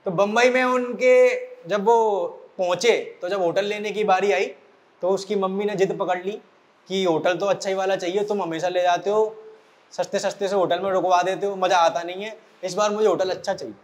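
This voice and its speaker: Man, teacher, from central India, high voice, storytelling, addresses students. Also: steady tone, normal speed. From Morena, central India. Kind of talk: storytelling lesson. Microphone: recording for an online class video.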